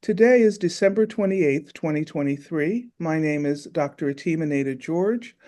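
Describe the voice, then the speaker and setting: A male interviewer opens an oral history recording with a formal, courteous introduction. His voice is warm and mellow, and his delivery is measured. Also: fairly high pitch, lively intonation. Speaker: interviewer, folklife fellow.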